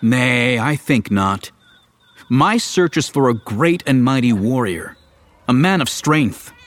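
An actor playing an earnest, exasperated young hero in Shakespearean verse, declaimed like a hammy stage performer. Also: male voice, mid-range voice, expressive, slow pace. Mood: indignant. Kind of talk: dramatic Shakespearean verse reading.

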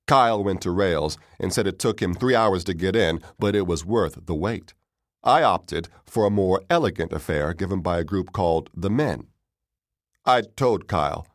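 A man giving calm first-person audiobook narration. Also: lowish voice, no echo, clean studio sound.

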